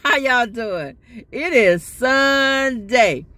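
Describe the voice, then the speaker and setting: A woman's voice: a little high, lively intonation, very slow, bright, forceful tone, no room sound. An older woman chatting in a casual selfie vlog from her parked car, exasperated and laughing often. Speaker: vlogger. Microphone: phone held at arm's length.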